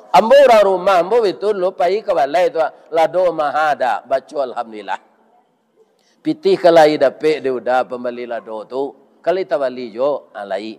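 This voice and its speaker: A middle-aged man with a Minangkabau accent delivers a sermon in a fairly high voice. He is lively and joking, and he keeps asking his listeners to agree with him.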